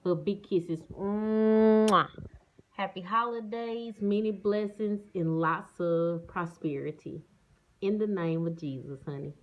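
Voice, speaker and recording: Casting: mom vlogger, female, lower register, folksy and chatty, recorded at home with clear background noise. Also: a little slow, highs cut off. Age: adult, mother of children. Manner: folksy, addresses viewers as y'all and guys. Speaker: family vlogger. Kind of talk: casual chatty vlog to viewers. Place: at home, indoors.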